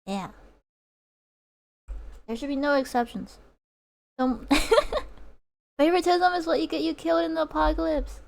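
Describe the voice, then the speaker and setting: During a drawing livestream, a young woman speaks in a high-pitched, creaky voice, unhurried and with long pauses. She chats casually with viewers, reads their messages out and giggles often.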